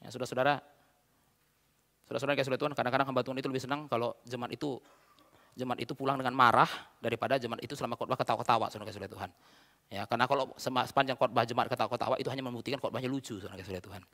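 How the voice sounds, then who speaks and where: A man's voice: medium pitch, steady tone, very fast, fairly bright tone. A man pastor preaching a sermon in a church, full of rhetorical questions and repeated direct address to the congregation. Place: church sanctuary. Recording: reverberant church hall.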